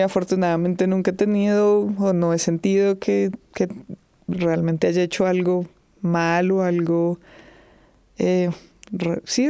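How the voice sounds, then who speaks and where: A woman with a smooth, dark voice and some gravel gives measured, thoughtful interview answers. She pauses and restarts as she thinks. The sound is close and dry. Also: fairly low pitch, dry recording.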